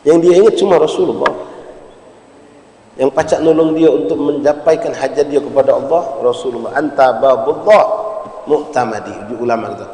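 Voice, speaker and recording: High-voiced Palembang preacher in echoey mosque. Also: male voice, slight background noise. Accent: Palembang Malay. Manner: animated storyteller, addresses listeners as "Pak". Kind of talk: storytelling sermon. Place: mosque hall. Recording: echoey mosque hall, long reverb.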